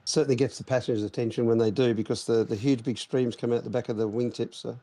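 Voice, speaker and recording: A man's voice: medium pitch, steady tone, quick pace, warm tone. A man, a jet-lagged airline pilot, explaining things at length in casual chat with many restarts. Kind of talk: casual chat on a live stream.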